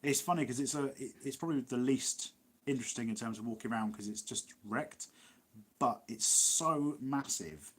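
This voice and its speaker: Husky East Midlands man chatting live. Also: mid-range voice, normal speed. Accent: East Midlands English. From Nottinghamshire, England. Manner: rambling, chatty, laughs often. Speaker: livestream host. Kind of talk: casual live Q&A chat.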